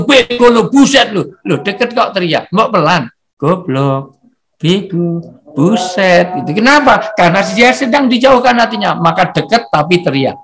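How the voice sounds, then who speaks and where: A man delivers a humorous religious talk over a video call. His voice sits high, and he keeps it light and preachy, tossing out quick rhetorical questions between his jokes. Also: a bit bright, a little hiss or hum. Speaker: speaker at a halal bihalal gathering.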